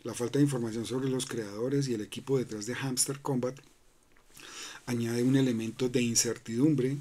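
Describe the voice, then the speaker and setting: Through a screen-recorded walkthrough, a crypto channel host speaks in a loose, conversational way, peppered with fillers, restarts, and the tag question "¿no?". His voice is mellow and medium-pitched, with fairly even intonation and a moderate pace.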